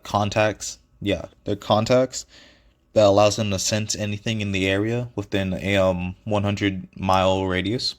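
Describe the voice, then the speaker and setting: A man casually improvising a fan story, rambling with many fillers and restarts and chuckling at his own ideas. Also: fairly low pitch.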